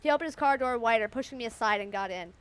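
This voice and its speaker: A woman reading the first-person narration of a story game in an even storytelling way. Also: on the high side, fast talker, smooth. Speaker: game channel host.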